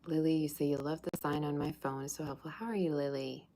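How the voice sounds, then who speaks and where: A Russian woman with a deep, steady, mellow voice does a livestream tarot reading at a quick pace, chatting and teasing as she reads out viewer comments and sings snatches of old songs.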